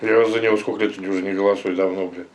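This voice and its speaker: A man's voice: deep voice, level tone, fast, slight background noise. A man chatting casually and bluntly, with slang and swearing. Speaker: village resident being interviewed. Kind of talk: casual chat.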